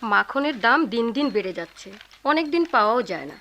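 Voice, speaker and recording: A firm, sharp-tongued middle-aged mother in a 1990s radio drama. Her voice sits a little high, and she speaks with steady reproach. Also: a little fast, dull audio, slight background noise. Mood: brisk. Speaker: mother of grown children.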